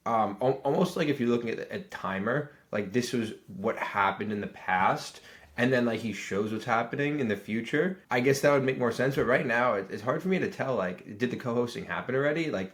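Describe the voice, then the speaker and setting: A man giving a casual critique of a video, talking loosely with lots of "like" fillers and restarts. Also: medium pitch. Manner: rambling, heavy on filler "like" and restarts. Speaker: YouTube strategy reviewer.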